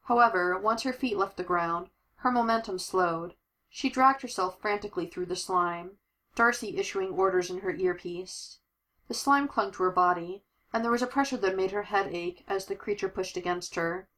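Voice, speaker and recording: A woman reading a superhero story aloud, giving the characters lively voices. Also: mid-range voice, normal speed, rough recording. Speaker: audiobook narrator.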